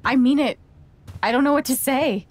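A woman's voice: high-pitched, normal speed. An actress playing a young woman who talks in a dry, sarcastic way. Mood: wry. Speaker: main character.

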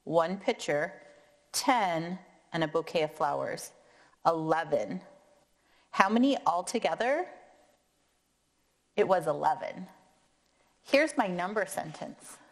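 American lady doing kindergarten teacher voice, reading aloud to little kids, really slow careful counting, slightly low pitch. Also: animated. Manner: kindergarten teacher voice, deliberate counting, prompting questions. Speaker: kindergarten and first grade math teacher. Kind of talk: read-aloud lesson for young children. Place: indoor classroom or meeting room, seated at a table.

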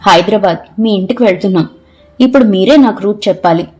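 A woman voicing a calm, gentle young male doctor in an audiobook, speaking in a steady, reassuring way. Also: mid-range voice, fast talker, lightly acted.

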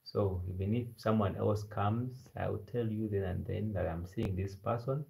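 Low-pitched young man, Kenyan-sounding East African accent. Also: steady tone, vocal fry, mellow. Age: 20s. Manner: halting, repeats phrases. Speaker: live stream host. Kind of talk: casual live chat with viewers. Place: small bedroom indoors. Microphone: phone at arm's length.

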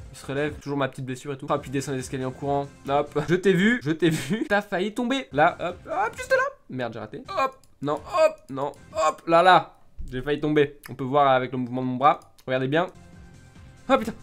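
A man's voice: a little high, expressive, fast talker, a bit bright, faint music behind. A young man, a gaming YouTuber, casually commenting on his old videos in a jokey, self-mocking way, laughing often and swearing casually into a desktop mic. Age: young adult.

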